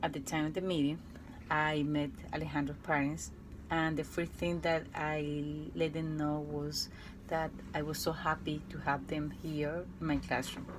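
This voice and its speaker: A woman teacher from Colombia with a Colombian Spanish accent, Spanish her first language, reading a prepared report in a careful, halting way with restarts and fillers. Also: sits low, little pitch movement, background noise.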